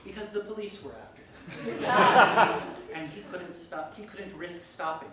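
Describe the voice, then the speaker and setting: A storyteller with a medium-pitched, animated voice performs scripted comic fairytales live at a moderate pace, theatrical and often breaking into laughter and asides. A loud crowd fills the room, and the distant mic picks up echo and background noise.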